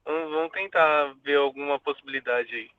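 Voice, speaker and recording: A man's voice: a little high, brisk, crowd noise. Tinny Brazilian man on a call. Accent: Brazilian Portuguese. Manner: polite, reflective, hesitant. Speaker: teacher, workshop participant. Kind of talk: online workshop discussion. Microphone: video call. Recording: tinny distant call audio.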